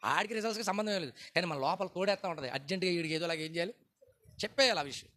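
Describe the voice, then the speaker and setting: A male pastor with a coastal Andhra Telugu accent preaching at a fasting prayer meeting, firing rhetorical questions and repeating his points for emphasis. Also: high voice, sharp tone, no echo. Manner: acts out quoted voices of churchgoers.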